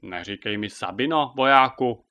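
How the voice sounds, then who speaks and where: A man's voice: medium pitch, sharp tone. A man voicing Sabina, a bossy female hen who drills the flock like a sergeant and barks her orders. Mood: exasperated. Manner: barking commands.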